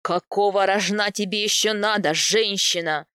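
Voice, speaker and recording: A woman voicing a furious, domineering male steppe warrior in an audiobook, speaking low and menacing. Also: normal speed, smooth, no echo, studio quality, lightly acted. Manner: growling, menacing, loud. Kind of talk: audiobook character voice.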